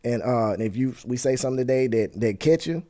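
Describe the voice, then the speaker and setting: A man's voice: medium pitch, expressive, fast talker, dark tone. A man hosting a casual podcast chat, laid-back and full of slang, calling people man and brother. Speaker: host.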